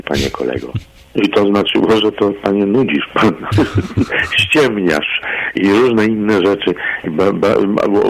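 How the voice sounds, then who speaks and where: A man's voice: low voice, slightly rough, rough recording. A man, an English teacher, chatting as a radio guest, telling anecdotes and laughing often. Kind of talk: radio chat. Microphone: studio microphone.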